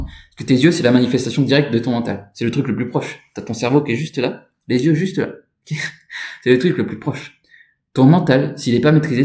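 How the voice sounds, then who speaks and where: The voice is mid-range and darkish, set in an echoey room. A spiritual energy instructor, he talks informally and rambles through a lesson on chakras and energy, addressing the listener head-on.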